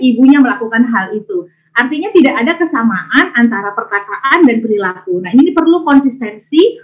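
A woman giving a parenting webinar talk over a video call, explaining step by step through numbered points. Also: sits high. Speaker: parenting educator. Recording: dull lo-fi webinar audio.

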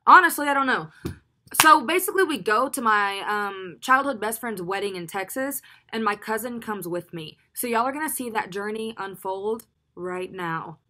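A woman's voice: medium pitch, animated, normal speed, bright, forceful tone. Chatty young woman vlogger, dramatic storyteller. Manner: chatty, dramatic storytelling with lots of filler words. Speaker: vlog host. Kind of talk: casual storytelling vlog. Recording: music playing behind.

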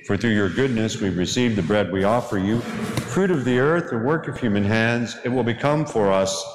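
A middle-aged man, a priest, leading a church service in a measured, solemn liturgical cadence. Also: on the low side. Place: large church interior. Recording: echoey church hall with noise.

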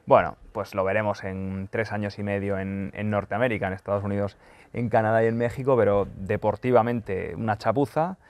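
Gravelly, blunt man vlogging. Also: fairly low pitch, steady tone, fairly quick. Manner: blunt and profane, with many fillers and restarts. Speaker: football journalist and video host. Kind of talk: casual question-and-answer vlog. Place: in Qatar during the World Cup.

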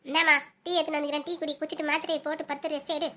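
A very high, bright, quick voice belongs to a fussy village mother-in-law, played by a woman. She nags and dotes in the same breath, in a homemade comedy skit. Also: flat delivery. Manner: scolding, then fussing over her daughter-in-law.

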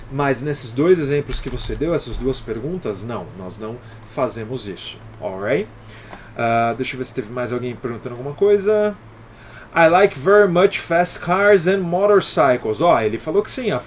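With a Brazilian Portuguese accent, a man teaches English on a live stream, explaining patiently, greeting viewers by name, and often finishing with "alright?" His pitch is fairly high, and there's slight background noise.

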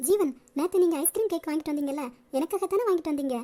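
A woman's voice: extremely high pitch, rapid-fire, dark tone. Woman voicing a snappish jealous young woman. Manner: snappish, possessive.

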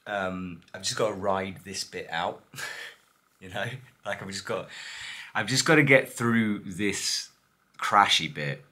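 A man in his thirties, a climbing commentator, talking casually to a camera held at arm's length, chatty and upbeat by day and quieter when tired. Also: lowish voice, breathy edge. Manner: chatty and upbeat, flat and tired late at night. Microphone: handheld camera at arm's length.

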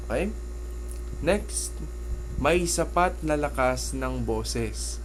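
A man's voice: on the high side, a little mellow, a little hiss or hum. A Filipino man with a Filipino accent, a teacher giving an online lecture in a conversational way, often checking in with "okay?" and "no?".

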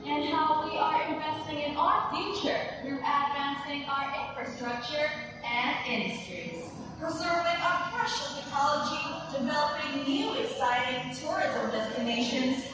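Woman doing promo narration over speakers, formal and measured, heard from far off in a big echoey hall w/ crowd noise. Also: high voice. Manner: measured, formal announcer delivery. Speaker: exhibition narrator. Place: large dark exhibition hall. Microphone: camera recording loudspeaker playback from afar.

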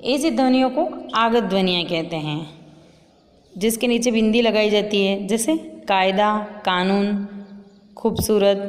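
Lady teacher going through grammar slowly, asks then answers herself, kinda echoey reverb. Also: mid-range voice. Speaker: school Hindi teacher. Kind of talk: classroom grammar lesson. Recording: long reverb.

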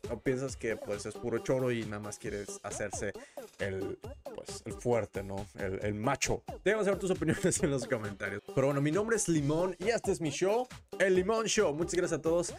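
A man's voice: mid-range voice, normal speed, over music. A man hosting his own show, giving opinionated, casual commentary on a reality show, with many fillers and tag questions.

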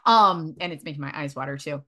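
A woman's voice: low voice, fast, bright, forceful tone. A woman co-hosting a horror film podcast, chatting enthusiastically and swearing casually, with a slight cough. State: coughing from a cold. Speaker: podcast co-host.

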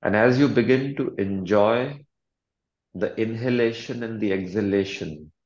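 With calm, deliberate delivery and long pauses, a man guides a meditation session as a coach, offering soothing instructions. He is on the low side in pitch, the sound is roomy, and the quality is lo-fi.

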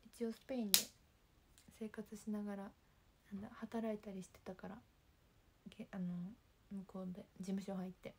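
A young woman with a Kansai accent, chatting casually on a livestream and reading viewer comments in a soft, calm voice that often drops near a whisper. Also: mid-range voice, moderate pace, long pauses, slightly rough. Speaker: livestream host. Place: home.

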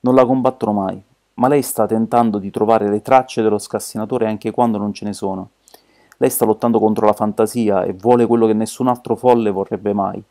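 A man doing a calm little priest sleuth. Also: fairly low pitch, brisk, natural voice. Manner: calm, unruffled explaining. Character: small calm shrewd male priest detective.

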